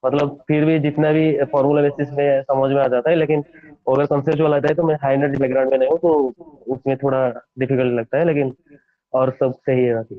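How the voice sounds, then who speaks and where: A young man answering interview questions over a crackly phone line, halting, with many hesitant fillers. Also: mid-range voice, flat delivery. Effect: crackly phone line that cuts out. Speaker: exam topper being interviewed.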